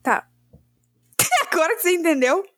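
Her voice very high and a little bright, this podcast host swings widely in pitch while speaking at a moderate pace. She has a Brazilian accent and alternates between scripted true-crime narration and informal chat full of self-deprecating asides.

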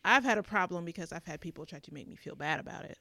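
A woman chatting earnestly on a podcast, thinking things through out loud. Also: fairly low pitch, lively intonation, quick pace, vocal fry, no echo. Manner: thoughtful, earnest, reflective. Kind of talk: casual chat.

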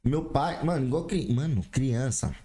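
Slangy man, dark voice. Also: medium pitch, moderate pace. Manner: slangy, laughs often, animated when telling stories. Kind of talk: casual chat.

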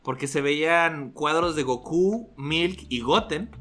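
A man, hosting a casual podcast and retelling scenes in an animated way, laughing often. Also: fairly high pitch, takes it slowly. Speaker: podcast host.

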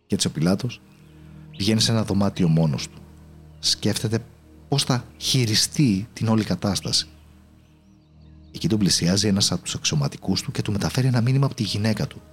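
A man narrating a children's storybook in a measured, solemn way. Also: fairly low pitch, faint music behind.

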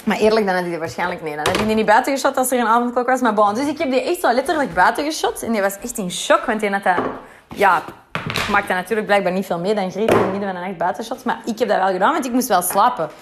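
A woman's voice: mid-range voice, fast talker, noisy background. A young woman with a Flemish accent telling a story in a casual, chatty way, full of fillers and acted-out quotes with English swears thrown in.

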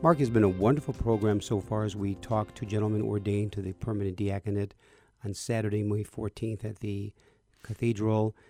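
A man's voice: on the low side, fairly even intonation, fairly quick, mellow, soft background music. A man hosting a religious radio talk show from a studio, with an upbeat announcer cadence. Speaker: radio host.

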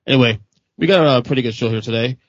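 A man's voice: mid-range voice, fast talker, no room sound. Casual wrestling-podcast host, man. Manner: loose, profane, joking with co-hosts. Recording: dull lo-fi podcast audio.

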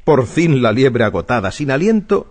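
A man narrating a children's radio story in a measured, expressive way. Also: mid-range voice.

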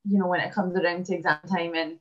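A Scottish woman in her twenties, a basketball player and dentist, chatting casually in an interview with many "um" pauses. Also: fairly low pitch, fairly even intonation, dull audio. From Scotland.

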